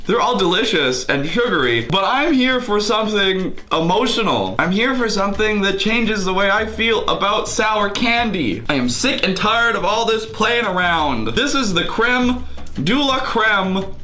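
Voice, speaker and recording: A man's voice: sits high, very animated, unhurried, bright, forceful tone, echoey room. A man hosting a casual comedic candy review, talking in a mock-dramatic, exaggerated way as he eats and tastes sour candy. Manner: eating and tasting sour candy while talking. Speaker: host of a candy taste test.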